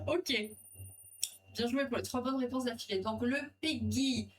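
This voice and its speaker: On a live stream, a French woman with a high-leaning voice rambles easygoingly, reading quiz questions and viewer comments aloud. The mic is distant, music plays in the background, and there's a little noise.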